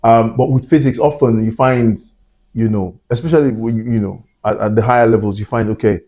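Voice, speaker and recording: This man's voice is fairly low and dark, his intonation fairly even and his pace a little fast. He hosts a science podcast in Glasgow, chatting through a casual interview with lots of fillers and asides.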